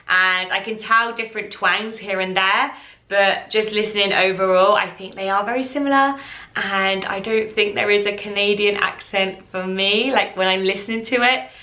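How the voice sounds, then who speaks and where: A woman's voice: mid-range voice, pushed and bright. A young English woman in her twenties, chatting to her viewers as a vlogger reacting to clips. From England. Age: 20s. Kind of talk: casual reaction commentary. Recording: echoey room.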